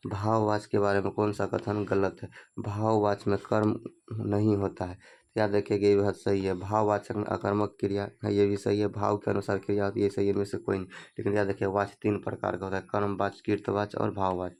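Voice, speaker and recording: A man's voice: fairly low pitch, completely flat delivery, fairly quick, a little mellow. A man coaching students for an exam, asking each question and repeating the answer for them to remember. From Bihar, India. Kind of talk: exam prep lesson.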